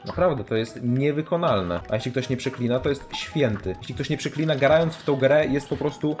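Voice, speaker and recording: A man's voice: mid-range voice, a little fast. A young Polish man commentating his own gameplay at home, frustrated, swearing and talking to himself. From Poland. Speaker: gaming YouTuber. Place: room at home. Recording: background game music.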